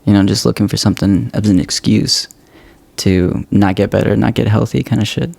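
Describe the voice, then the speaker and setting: Man, 20s, podcast co-host, gravelly mellow tone, relaxed straight talk. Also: lowish voice, a little fast. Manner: laid-back, frank, lots of "you know". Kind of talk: casual chat.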